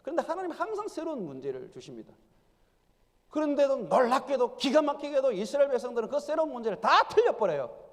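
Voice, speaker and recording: A man preaching a sermon as pastor, stressing his points and acting out the people's prayers in the voices of the crowd. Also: extremely high pitch. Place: church sanctuary. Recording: church hall with long reverb.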